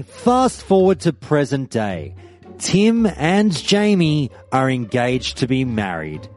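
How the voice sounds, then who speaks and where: A man hosting a podcast, introducing callers in an upbeat presenter manner. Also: mid-range voice. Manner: lively, upbeat presenter delivery. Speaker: podcast host.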